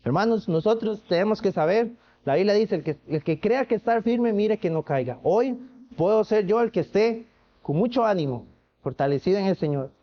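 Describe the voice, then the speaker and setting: A man's voice: high voice, muffled recording. A man with a Costa Rican accent preaching a sermon in church, earnest, with restarts and rhetorical questions. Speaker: pastor.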